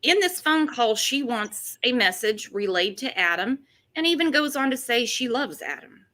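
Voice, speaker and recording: Female true-crime host, sarcastic and chatty, bright forceful voice sitting a bit high. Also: very animated, moderate pace. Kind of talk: casual true-crime commentary chat.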